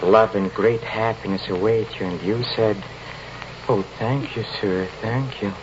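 In a muffled, noisy old radio recording, an actor plays a haunted, desperate male stage magician recounting a terrifying ordeal. He narrates haltingly in the first person, repeating words in an overwrought old-time radio drama style, pleading and tormented. His voice is lowish and close to everyday, with fairly even intonation.

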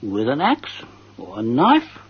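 An earnest man hosts a comic radio advice segment. His husky voice swings widely in pitch as he speculates darkly with mock seriousness. The sound is a little dull, like radio. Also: huge pitch swings, full character voice. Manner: mock-serious, conversational, deliberate. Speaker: advice show host reading listeners' letters. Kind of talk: comic radio monologue, reading and answering letters. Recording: slightly dull radio recording.

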